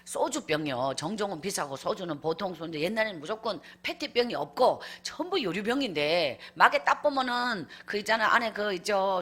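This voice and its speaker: A woman's voice: medium pitch, fairly bright tone, breathy edge. A woman evangelist tells her life story in a revival sermon, emphatic and acting out scenes as she goes. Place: church.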